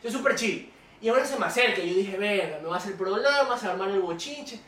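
Fast, high-voiced young man. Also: echoey room, recorded from a distance. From Ecuador. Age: young adult. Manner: animated storytelling. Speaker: podcast host. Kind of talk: casual chat.

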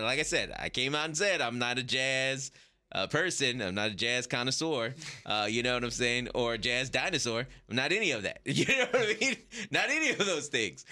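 A man hosting a podcast, telling a story in a casual, animated way, laughing often and putting on whispers as he goes. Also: mid-range voice. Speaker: podcast host.

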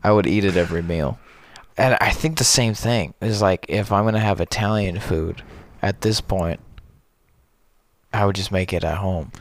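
A man's voice: deep voice, moderate pace, dry recording. A man co-hosting a podcast in a casual, playful chat, talkative and given to silly sounds. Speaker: podcast co-host.

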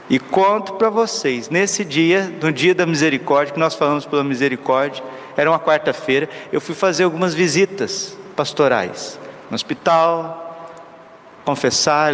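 Preaching priest in a reverberant church. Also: male voice, fairly high pitch. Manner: storytelling, with rhetorical questions to the congregation. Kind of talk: homily. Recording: long reverb with faint background noise.

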